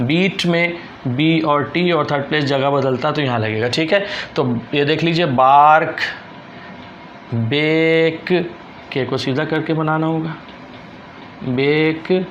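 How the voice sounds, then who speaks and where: A man's voice: a little high, fairly bright tone, slight background noise. A man from Pakistan with a Karachi Urdu accent, teaching a shorthand lesson, patiently repeating words and spelling them out letter by letter. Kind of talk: classroom-style lesson.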